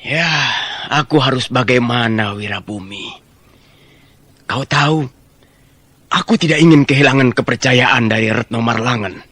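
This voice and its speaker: An actor playing a scheming, stern royal minister who speaks in a commanding, measured way in a radio drama. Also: male voice, mid-range voice, a bit bright, no room sound. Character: scheming middle-aged male minister, stern, calculating.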